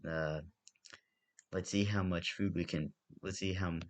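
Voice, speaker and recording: A man hosting a reaction video, talking casually in a soft, hushed voice with lots of fillers and restarts. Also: steady tone, measured pace. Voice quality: low hushed ASMR-like voice. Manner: hesitant, full of fillers and restarts. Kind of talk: soft-spoken casual chat.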